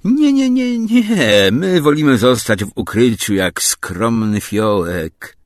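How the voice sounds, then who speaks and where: A man's voice: fairly low pitch, huge pitch swings, takes it slowly, dry recording, studio quality, full character voice. A man reading a novel aloud, voicing a gossipy woman, the wife of a court president, in a teasing manner.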